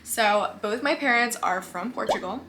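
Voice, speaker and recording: Talking casually to her camera in a question-and-answer vlog, a woman in her twenties from the United States sounds upbeat, laughs easily and says "like" a lot. Her voice is fairly high at a normal speed, picked up by the camera mic with some background noise.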